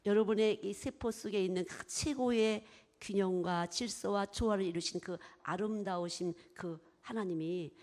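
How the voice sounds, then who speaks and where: Woman preacher with an ordinary mid-range voice. Sermon delivery that moves from hushed whispers to loud emphasis, expressive and animated. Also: mid-range voice. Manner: swings between soft whispers and loud, emphatic bursts; expressive, acts out little exchanges in her talk.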